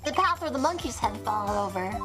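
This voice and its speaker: A woman plays a gossipy old woman on the witness stand, pushy and full of herself. The voice is strained and scratchy, pitched high with big sing-song swoops. Game music plays underneath. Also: big pitch swings, a little fast. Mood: chatty. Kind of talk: reading a visual novel aloud.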